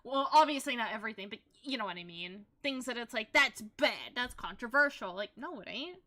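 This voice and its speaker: Young woman, VTuber streamer, casual chat, giggly, rambling, bright tone. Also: fairly high pitch, animated, fast. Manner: giggly, rambling, laughs often. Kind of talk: casual chat while painting.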